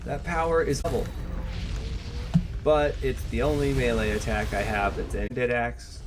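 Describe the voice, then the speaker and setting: A male streamer chats casually through his gameplay in a self-deprecating way. His voice is pitched in the middle for a man, with music clearly playing behind him. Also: steady tone, normal speed. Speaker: video game streamer.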